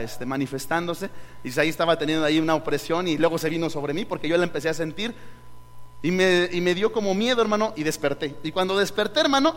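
Mexican pastor preaching, high voice, reverberant hall. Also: male voice, a bit bright. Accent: Mexican Spanish. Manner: storytelling, addresses listeners as brother. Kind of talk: sermon. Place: church service hall.

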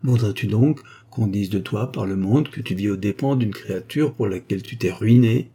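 A scheming young actress, as a male reader puts her on, coaxing and caressing in a storybook reading. The voice sits higher than his own yet stays mellow and a little husky. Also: moderate pace.

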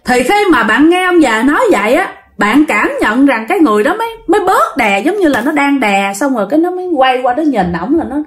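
A woman's voice: sits high, big pitch swings, a little fast, hardly any pauses. A woman telling a ghost story in a chatty way, talking straight to her listeners. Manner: chatty, addresses listeners directly. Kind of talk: casual ghost story narration.

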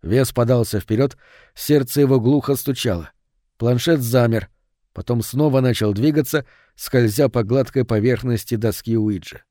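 A man reading a novel aloud as narrator in a steady, measured way. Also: medium pitch, dry recording, clean studio sound. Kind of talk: audiobook reading.

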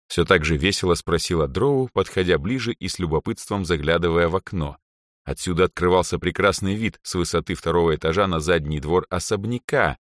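A man narrating a fantasy audiobook in a low voice that rises and falls with lively expression. His reading is clear and storytelling-minded. The recording is dry and close. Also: no room sound. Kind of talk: scripted narration.

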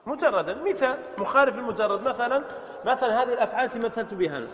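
A man with a high voice teaches a grammar class in a mosque. He drills verb forms and fires short questions at his students. The recording is muffled, with a long, roomy reverb. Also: lively intonation, a bit bright. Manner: quizzes students with quick questions. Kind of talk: Arabic grammar lesson. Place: mosque hall. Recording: echoey muffled hall recording.

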